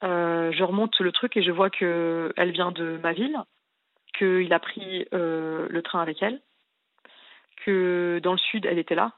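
A little slow and steady in tone, the fairly low-pitched caller tells a long, rambling, detail-heavy story to a radio show. She sounds distressed, and the recording is dry and tinny over the phone.

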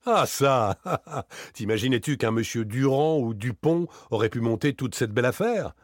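A man voicing a self-assured gentleman burglar in an audiobook, teasing and smoothly mocking. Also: medium pitch, animated, normal speed, no echo, clean studio sound, pitched above the performer's own voice, lightly acted. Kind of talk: audiobook character reading.

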